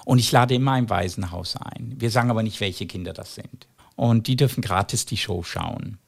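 A man, a comedian and magician, telling anecdotes in an interview in an animated, lively way. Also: on the low side, moderate pace, creaky, slightly rough.

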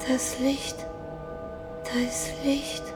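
An actress playing a wounded, dying woman who talks weakly and slowly in fading whispers, in a radio drama with music behind. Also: high voice, flat delivery. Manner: slow, whispery, tender. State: weak, fading, breathless.

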